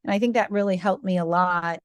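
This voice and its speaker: A woman's voice: lowish voice, steady tone, fairly quick, smooth, dry recording, clean studio sound. A woman in her fifties from the US Midwest, a podcast guest telling her story with easy laughs. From Michigan, US Midwest. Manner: warm storytelling with light laughs. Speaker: guest, company founder. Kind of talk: podcast interview.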